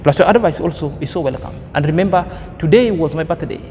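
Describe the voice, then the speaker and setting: A man in his thirties delivers opinion commentary as a vlogger, preachy and emphatic and fond of grand words. His voice is on the high side and a little mellow, and he talks fairly quickly. The recording has a big-room sound with a little hiss or hum.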